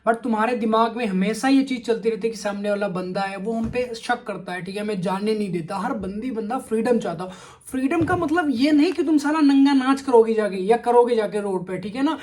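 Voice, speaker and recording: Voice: mid-range voice, brisk, darkish tone. A relationship advice vlogger talking straight to viewers in a blunt, casual way, with crude slang and a habit of asking "ठीक है?" after each point.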